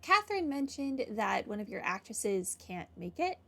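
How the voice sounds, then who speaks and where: A woman's voice: medium pitch, big pitch swings, moderate pace, bright, forceful tone, faint music behind. A woman giving casual, terse, dry asides as she plays a video game. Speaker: video game playthrough commentator. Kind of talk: casual offhand commentary over gameplay.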